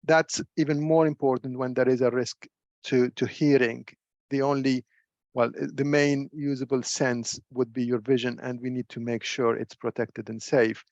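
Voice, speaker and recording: A middle-aged man giving a webinar lecture as a neuro-ophthalmologist, measured and full of fillers and repeated words. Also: mid-range voice, flat delivery, darkish tone, no echo, highs cut off. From Syria. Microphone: video call.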